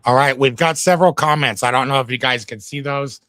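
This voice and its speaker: A man's voice: mid-range voice, fairly quick, a bit bright, no echo. A man giving casual commentary on a clip as a reaction streamer, chatty and laid-back with preachy asides.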